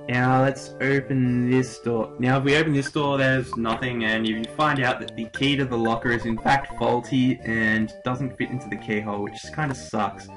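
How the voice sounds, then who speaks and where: A man's voice: mid-range voice, steady tone, moderate pace, hardly any pauses, over music. A young Australian man recording casual, crude, joking commentary over a game, reading the characters' lines aloud. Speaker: let's play commentator.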